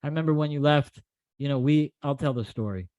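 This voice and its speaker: A man's voice: a little high, brisk, darkish tone, smooth, no echo, poor audio. A man hosting a casual chat, asking rambling questions and joking about himself. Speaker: host.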